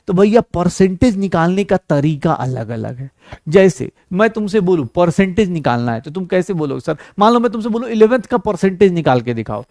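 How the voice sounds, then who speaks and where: Male tutor, high pitched, jokey classroom delivery, dry room. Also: dark tone, no echo. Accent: Hindi. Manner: joking, addresses students as beta, acts out quoted students. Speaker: teacher. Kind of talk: classroom chemistry lecture.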